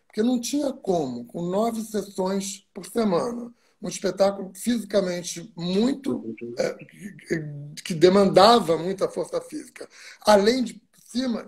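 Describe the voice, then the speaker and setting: A man's voice: high-pitched, a little mellow, slightly rough. A man from Brazil, a guest stage actor in a video-call interview, recalls his work at length with asides and digressions. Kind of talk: reflective interview storytelling.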